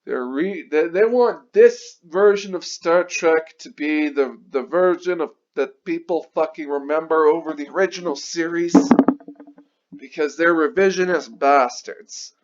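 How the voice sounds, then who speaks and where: A man's voice: fairly high pitch, a little slow. A man giving an angry, sweary movie review, repeating himself as he rants. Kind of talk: ranting video review. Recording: dull lo-fi recording.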